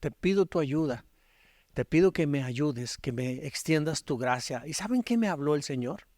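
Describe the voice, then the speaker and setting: Animated Mexican pastor preaching a sermon. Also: male voice, a little high, normal speed, no echo, studio quality. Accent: Mexican Spanish. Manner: storytelling, swings between loud animated peaks and hushed quiet passages.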